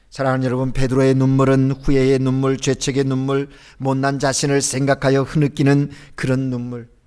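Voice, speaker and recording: A middle-aged male pastor delivers a Sunday sermon from the pulpit. He poses questions to the congregation and lets his voice rise to loud emphasis, then drop to near whispers. His pitch sits in an ordinary middle range. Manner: dramatic swings from loud emphasis to hushed whispers. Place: church sanctuary during Sunday service.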